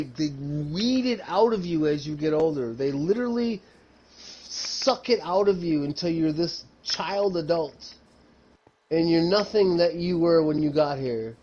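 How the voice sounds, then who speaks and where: A man's voice: high voice, a little mellow. A man in his fifties telling stories and ranting casually, blunt and emphatic, with heavy swearing and slang. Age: 50s. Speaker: storyteller. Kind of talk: casual, profane storytelling and ranting to a friend. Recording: dull lo-fi sound.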